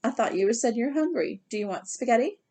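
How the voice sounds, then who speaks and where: A woman reading the part of a patient father who asks gentle, puzzled questions. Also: a little high, animated, brisk, pitched above the performer's own voice.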